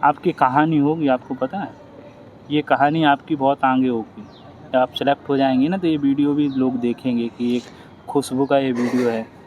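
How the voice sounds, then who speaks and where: A man's voice: medium pitch, little pitch movement, moderate pace, lo-fi sound. Male host, mid-range voice, earnest and comforting, faint noise behind. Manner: earnest, consoling. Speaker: interviewer, channel host. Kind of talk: interview and appeal to viewers.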